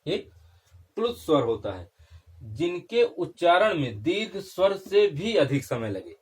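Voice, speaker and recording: A man's voice: fairly high pitch, big pitch swings, a little slow, darkish tone. A young man teaching a Hindi grammar lesson, repeating key terms and checking in with his class.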